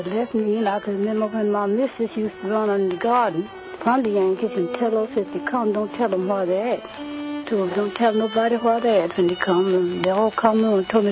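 An elderly woman, heard on an old 1941 archive recording, recalls her past in an oral history, speaking slowly and haltingly and repeating her phrases. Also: medium pitch. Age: older. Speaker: interviewee. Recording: dull lo-fi 1941 archive recording with music behind.

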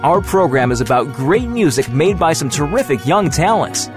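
A man reading a scripted radio program introduction in a bright, sing-song announcer manner. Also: on the high side, sing-song, moderate pace. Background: music.

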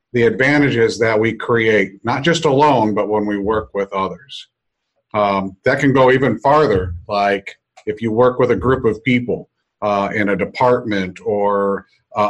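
A middle-aged American man hosting a podcast from an office conference room on a meeting room mic, speaking in a halting, deliberate, reflective way. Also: fairly low pitch, rough recording. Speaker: podcast host. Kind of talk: unscripted podcast introduction.

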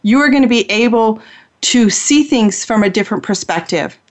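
A woman's voice: on the high side, expressive, moderate pace. A woman who hosts a spiritual healing radio show, telling a personal story in an earnest, heartfelt way.

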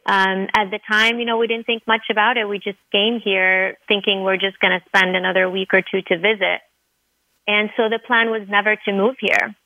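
A middle-aged Lebanese dentist, whose first language is Arabic, earnestly tells her story as a guest in an interview conversation, using lots of fillers. Her mid-range voice has a sharp tone, and the dry recording is of low quality.

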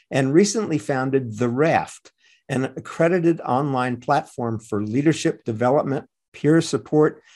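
A man's voice: mid-range voice, a little mellow. A man hosting a radio talk show, addressing listeners and a guest.

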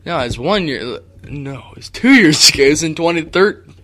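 A teenage boy co-hosting a casual chat show, teasing and excitable, often laughing. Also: a little high, normal speed. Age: teens. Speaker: co-host.

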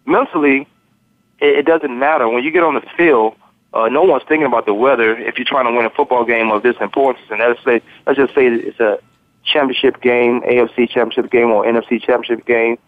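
A man's voice: medium pitch, steady tone, fairly quick, no room sound. Male co-host on a phone line; casual, repetitive analysis; thin phone sound. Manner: repeats words, loose and talkative. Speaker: sports radio co-host and analyst. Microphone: telephone.

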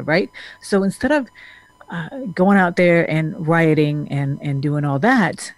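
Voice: medium pitch, darkish tone. A therapist who grew up in Denmark talks straight to the camera in an earnest, meandering way. The speaker often restarts sentences and reaches for words. The sound is dry and close, with no room echo. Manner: earnest, rambling, with frequent restarts and fillers. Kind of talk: casual talking-head monologue.

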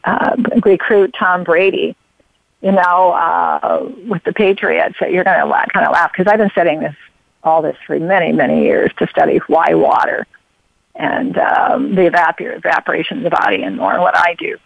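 With a medium-pitched voice, vocal fry and normal speed, a radio host talks with a guest in long, rambling stretches packed with fillers, restarts and personal tangents. There's no echo, but the audio has a narrow, phone-like quality.

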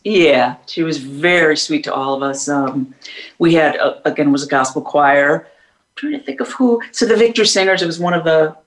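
A woman's voice: low voice, moderate pace, low-quality recording. Woman singer chatting in an interview, wanders off mid story, lots of restarts and little laughs. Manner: rambling, restarts often, laughs while telling stories. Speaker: singer guest.

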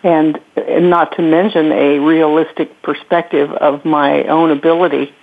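A woman calling into a radio show over the phone, halting and self-deprecating as she searches for words. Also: sits low, level tone. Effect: radio show caller heard over a phone line. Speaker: caller. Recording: tinny phone line.

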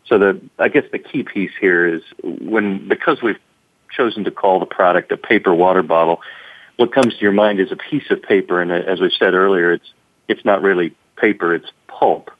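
A man giving halting, measured explanations as a guest in an interview, over a thin phone-like connection. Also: low-pitched, no room sound. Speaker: company representative, interview guest. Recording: thin phone-line sound.

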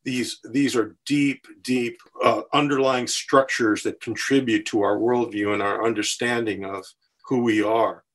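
Older man, podcast guest, from the West Coast, measured delivery, repeats phrases, mid-pitched voice. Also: steady tone, a bit bright. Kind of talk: conversational interview.

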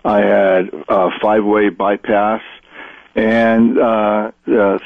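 A man in his sixties, calling in over the phone to a radio show, telling his story haltingly. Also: on the low side, little pitch movement, gravelly, no room sound. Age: 60s. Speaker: caller. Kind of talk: call-in question to a radio show. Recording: tinny phone line.

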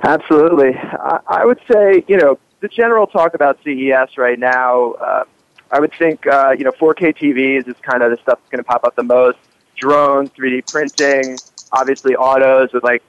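A man's voice: mid-range voice, fairly even intonation, moderate pace, clear, resonant tone, lo-fi sound. A man speaking casually as an interviewed correspondent, conversational and peppered with "like" and "you know". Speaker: roving correspondent, interview guest.

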